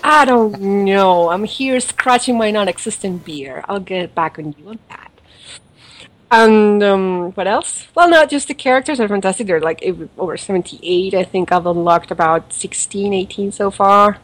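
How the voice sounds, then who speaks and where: A woman reviews a mobile game in casual podcast chat, meandering with laughter and filler words. She speaks in a mid-range voice at a moderate pace, with a non-native accent whose origin is not stated.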